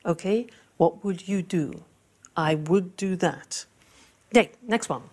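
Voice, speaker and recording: A woman teaching an English lesson, speaking clearly and repeating key phrases for learners. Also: fairly low pitch, slow pace, darkish tone. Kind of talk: classroom lesson.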